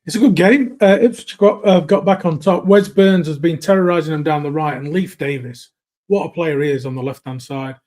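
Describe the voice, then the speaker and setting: Higher-voiced man giving a match update. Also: fairly quick, darkish tone. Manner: chatty, rates players one by one. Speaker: match reporter at the ground.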